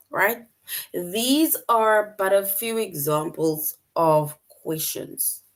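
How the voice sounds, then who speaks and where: A woman teaching an online English lesson to young children, patient and repetitive, often checking in with "right?". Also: lowish voice.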